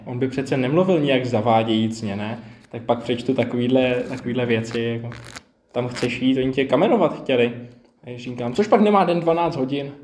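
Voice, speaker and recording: A man's voice: mid-range voice, a little mellow. Man preaching in an echoey room. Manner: conversational, acting out his own inner dialogue. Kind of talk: personal reflective sermon.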